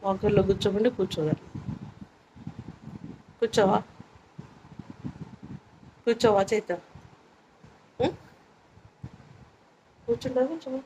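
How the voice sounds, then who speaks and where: A woman's voice: mid-range voice, slow pace, long pauses, background noise. A woman vlogging at home, coaxing a baby in a sing-song way and narrating to her viewers. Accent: Telugu. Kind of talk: casual home vlog narration.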